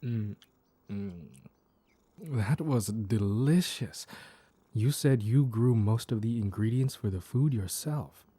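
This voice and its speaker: A man voicing a mischievous, flirtatious mad cat in an intimate roleplay audio, teasing with coy pet names in a soft, husky purr. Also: lowish voice, slow pace.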